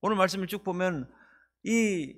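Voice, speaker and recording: Emphatic high-voiced male preacher. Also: normal speed. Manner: emphatic, rhetorical questions. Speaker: pastor. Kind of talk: sermon.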